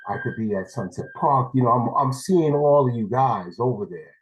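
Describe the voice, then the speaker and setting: A man's voice: mid-range voice, big pitch swings, normal speed, a little hiss or hum, poor audio. A man from New City, giving a rambling, blunt public comment over a video call as a parent. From New York City.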